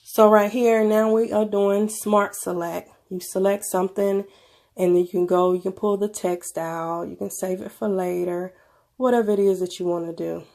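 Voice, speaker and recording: A woman's voice: mid-range voice, fairly even intonation, moderate pace, vocal fry, a little mellow. A woman with a stuffy nose from a cold, presenting a casual tech review in an informal, conversational way. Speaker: video presenter.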